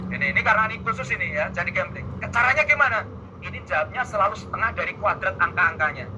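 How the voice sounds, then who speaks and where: A man's voice: high-pitched, expressive, quick pace, noisy background. A man teaching an exam-prep math lesson, playful and teasing, talking back and forth with his students. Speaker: math tutor.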